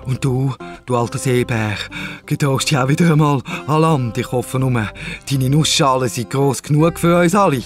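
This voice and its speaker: A man's voice: medium pitch, normal speed, faint music behind, lightly acted. A man with a Swiss German accent voicing a fat, fearful, grumbling uncle in a children's radio play. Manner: grumbling, reluctant.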